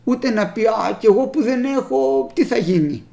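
Preacher, sermon delivery, rough gravelly texture, mid pitch; reads scripture then explains it to the congregation. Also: animated, warm tone. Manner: reads old scripture aloud and explains it plainly; speaks directly to the congregation as brothers. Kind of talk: sermon with Bible readings.

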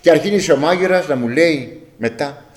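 An older man telling a personal story from his years working on a ship, acting out each exchange of dialogue with a repeated "I say". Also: on the high side. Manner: animated, acts out dialogue with repeated "I say". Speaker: storyteller recalling life at sea.

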